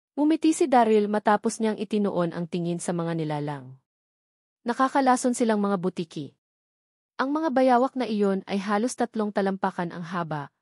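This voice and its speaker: An audiobook narrator, a woman, reads fiction from a script in a formal manner, delivering measured, separate phrases at a middling pitch. Her voice is a little mellow, and the recording is very dry, with next to no room sound and no echo.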